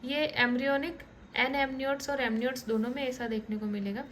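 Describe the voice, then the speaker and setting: A high-voiced woman teaching a class as she walks through diagrams. She talks in a relaxed, conversational way, checking in with listeners and restarting words mid-thought. A faint room hum sits behind her voice. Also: brisk, poor audio. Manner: repeats "ठीक है" often, restarts words. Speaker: biology teacher. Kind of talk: online lecture explaining diagrams.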